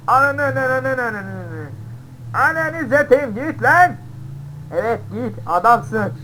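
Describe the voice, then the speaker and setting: Young guy yelling n chatting over his game, voice a bit high, car n engine noise loud behind. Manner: excitable, chatty, swears and yelps at the game. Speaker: gameplay streamer. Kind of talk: casual gameplay commentary. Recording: single mic with game sound behind. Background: game ambience and vehicle noise.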